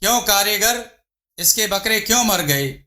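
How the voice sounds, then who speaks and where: A man's voice: high-pitched, animated, unhurried, bright, forceful tone, exaggerated voice. A man voicing a foolish, bossy king who gives commands, in an echoey room. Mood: commanding.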